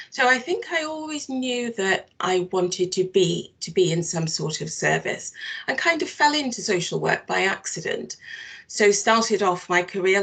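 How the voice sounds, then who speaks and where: A woman's voice: fairly low pitch, fairly bright tone. A middle-aged woman from London and Barbados giving reflective, thoughtful interview answers, picking her words as she goes. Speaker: social worker being interviewed.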